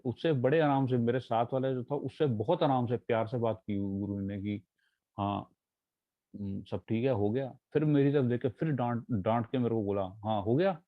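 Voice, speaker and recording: A young man earnestly telling a personal devotional story, halting often and mixing in English phrases. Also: medium pitch, no room sound. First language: not Punjabi. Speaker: devotee sharing testimony. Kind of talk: personal testimony. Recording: tinny phone-like sound.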